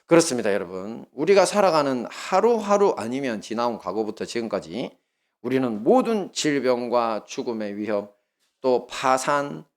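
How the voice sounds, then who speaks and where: Lively, animated male pastor preaching. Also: mid-range voice. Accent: Gyeongsang Korean. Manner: lively storytelling, asks the congregation questions. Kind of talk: sermon.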